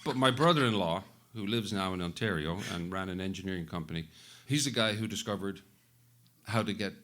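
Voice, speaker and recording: Older man, rambling chuckling storyteller, bright tone, live venue. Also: low voice, brisk. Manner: rambling, chuckling anecdote teller. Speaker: festival director, panel guest. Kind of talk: casual storytelling at a live event.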